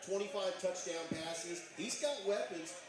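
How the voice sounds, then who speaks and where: A man co-hosting a live sports talk show, giving measured, stat-heavy analysis of teams. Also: sits high, faint music behind. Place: bar and grill. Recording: echoey, distant mic in a noisy bar.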